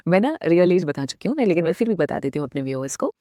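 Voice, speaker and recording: A very animated, fast-talking woman in her thirties with a lowish, warm voice vlogs a heartfelt motivational talk, earnestly mixing English phrases into her Hindi. She speaks right to her viewers and questions them. Studio quality, no room sound.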